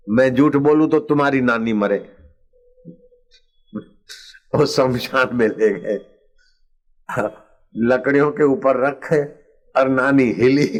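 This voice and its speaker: An older man preaching a satsang sermon, telling a story and chanting refrains. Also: mid-range voice. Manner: slow, chanting refrains and acting out story voices. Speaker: spiritual preacher.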